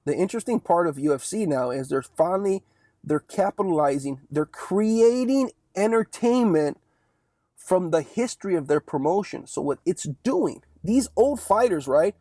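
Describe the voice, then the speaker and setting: A man's voice: high-pitched, lively intonation, normal speed, warm tone, dry recording, studio quality. A young man talking through a casual one-take sports monologue, rambling and chatty and often tagging lines with "right?". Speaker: sports commentary vlogger.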